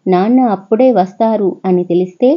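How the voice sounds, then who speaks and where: A woman voicing a frightened little storybook girl, speaking timidly and tearfully. Her voice is husky and breathy. The sound is slightly dull and lo-fi. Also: mid-range voice, a little fast, natural voice. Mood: timid pleading. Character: frightened, mistreated young girl.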